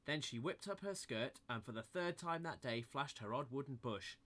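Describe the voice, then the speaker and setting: A man's voice: medium pitch, animated, normal speed, fairly bright tone. A man narrating a comic bedtime-style story in a playful, mock-innocent storybook manner.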